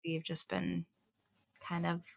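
Her voice sits lowish and comes out slow and creaky. As a young co-host on a casual podcast, she shares stories animatedly and imitates her kids' voices along the way.

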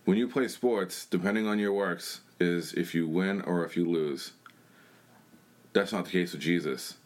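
A young church member gives a blunt, plain-spoken personal testimony in conversation. His voice is low-pitched and unhurried.

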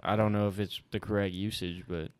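A man's voice: lowish voice, flat delivery, a little fast, smooth. A man co-hosting a comedy podcast, joking casually and laughing often. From Alabama, US. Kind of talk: casual chat.

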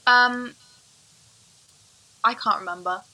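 Bright, teasing young woman co-host. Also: on the high side, slow pace, low-quality recording. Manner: teasing, encouraging, playful. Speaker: podcast co-host. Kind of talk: casual chat.

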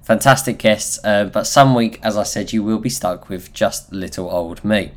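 Low-pitched nasal Essex man. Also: normal speed. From Essex, England. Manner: candid, self-deprecating, sweary. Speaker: podcast host. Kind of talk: solo motivational podcast talk, informal.

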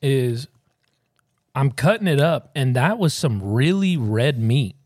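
A man's voice: medium pitch, lively intonation, takes it slowly, darkish tone, no room sound. A young man hosting a podcast, telling a story in easygoing casual chat and laughing along the way. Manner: storytelling, laughs through his own tale. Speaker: podcast host.

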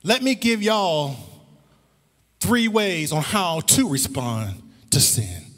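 A man preaching a sermon as pastor, shifting between slow emphatic lines and rising shouts with sung phrases, recorded in a church sanctuary. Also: high-pitched, very animated. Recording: church hall reverb.

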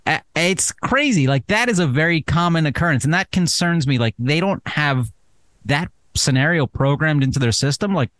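A man hosting a podcast panel chat, talking in a quick, joking, teasing way. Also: on the high side, expressive, fairly bright tone, dry recording. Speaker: podcast host.

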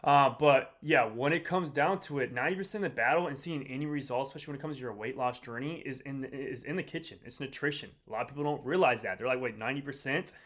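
He speaks fast with few pauses, his medium-pitched voice fairly bright, though he is clearly sick and exhausted. As a fitness coach hosting a casual motivational podcast for a live audience, he addresses people directly in slangy, repetitive, wandering talk.

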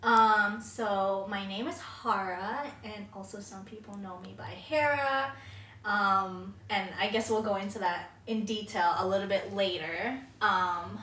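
A woman's voice: medium pitch, bright, forceful tone, distant mic, a little hiss or hum. A woman in her twenties from the Philippines, a podcast guest talking unhurriedly with many "um"s. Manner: unhurried, many "um"s, frequent laughter. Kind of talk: casual interview chat. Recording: echoey room, from the mic.

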